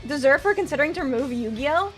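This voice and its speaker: During a live game stream, a young woman chats quickly with her audience and the chat in a high voice that jumps up and down. Excitable, she yells and cheers when her racer takes the lead, mentions she's losing her voice, and light game music plays softly beneath her.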